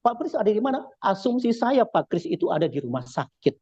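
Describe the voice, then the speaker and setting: A man's voice: high-pitched, a little fast, husky, no room sound, dull audio. A man from Indonesia with a Jakarta accent, giving a casual spoken church testimony and acting out the dialogue as he tells it. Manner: animated storyteller acting out dialogue.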